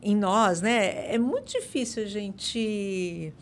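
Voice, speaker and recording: A woman's voice: medium pitch, slow pace, slight background noise. Reflective woman thinking aloud. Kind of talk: conversational podcast interview.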